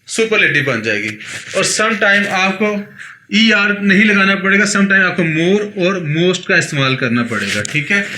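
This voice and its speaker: A man's voice: high voice, sharp tone. A man with a Pakistani Urdu accent teaching an English grammar lesson, patiently repeating points and checking that his students follow. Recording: echoey room with faint noise.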